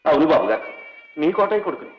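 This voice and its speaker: A man's voice: on the high side, sing-song, quick pace, a little hiss or hum. An actor playing an earnest, respectful young doctor devoted to his old benefactor, speaking in a deferential, emotional way in an old film scene. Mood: devoted pleading. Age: young adult. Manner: earnest, deferential, cries out in anguish. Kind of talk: 1950s Telugu film acting. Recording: dull old film soundtrack with reverb and music.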